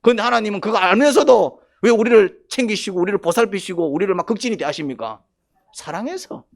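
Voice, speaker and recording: A Gyeongsang-accented male pastor with a slightly high voice preaches a sermon in thick dialect. He drops to near-whispers, then bursts into loud, emphatic lines. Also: lively intonation, fast talker, vocal fry. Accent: Gyeongsang Korean. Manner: dialect-heavy, emphatic, swings from quiet to loud.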